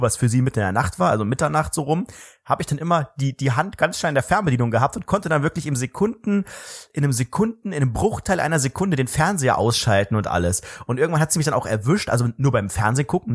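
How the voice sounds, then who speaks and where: A man's voice: mid-range voice, husky, no echo, clean studio sound. A young man co-hosting a podcast, telling a long embarrassing childhood story in casual chat. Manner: storytelling, rambling with fillers. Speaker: podcast co-host.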